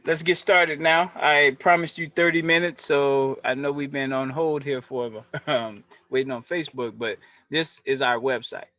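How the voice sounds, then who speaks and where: A man's voice: lowish voice, a bit bright, no room sound. A man presents to his audience on a livestream, earnest and direct as he points out pages on screen. The sound is dry and a little dull, caught on a computer mic. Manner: earnest, walks through web pages on screen. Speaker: community organization leader.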